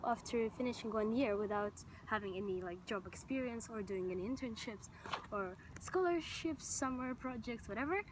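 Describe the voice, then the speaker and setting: Young woman vlogger from Estonia, higher pitched, chatty and enthusiastic, talking outdoors with faint ambience behind her. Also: slight background noise, low-quality recording. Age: young adult. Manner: chatty and enthusiastic, with many fillers. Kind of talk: casual chat to camera. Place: outdoors on grass, sitting on a stone.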